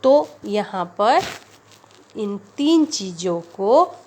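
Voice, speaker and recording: A woman teacher explaining grammar in a slow, deliberate way, repeating example sentences. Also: medium pitch, sing-song, darkish tone. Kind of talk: Hindi grammar lesson.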